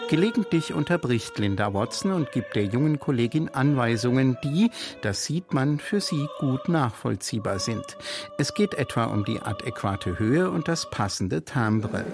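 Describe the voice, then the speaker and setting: A man's voice: medium pitch, lively intonation, vocal fry, music in the background. Male radio reporter narrating a feature. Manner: measured, formal delivery.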